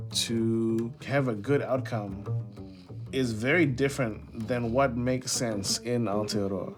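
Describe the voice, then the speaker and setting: A man, a jazz musician speaking thoughtfully in a documentary interview, often hedging with "sort of" and "like". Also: mid-range voice. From born in Singapore, raised in New Zealand.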